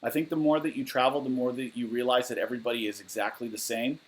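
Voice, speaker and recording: A man's voice: medium pitch, steady tone, fast, low-quality recording. Man, 30s, from Southern California; laid-back livestream Q&A host, candid and rambling, laptop mic in a living room. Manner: candid, matter-of-fact, rambling with fillers. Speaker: musician livestreaming Q&A. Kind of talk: casual livestream Q&A, reading viewer questions. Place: living room at home, indoors. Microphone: webcam or laptop mic at desk.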